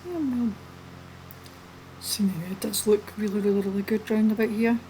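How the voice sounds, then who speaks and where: A woman hosting a flight video with casual, chatty, relaxed running commentary. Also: mid-range voice, moderate pace, low-quality recording. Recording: steady background noise behind the voice.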